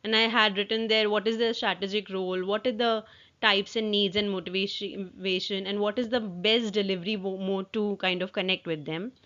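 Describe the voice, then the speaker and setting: Woman presenter, mid-pitched, informal slide walkthrough, halting with restarts, muffled low-fidelity sound. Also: fairly even intonation, fairly bright tone. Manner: halting, with repeated false starts. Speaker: presenter walking through own work assignment. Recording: dull, lo-fi audio.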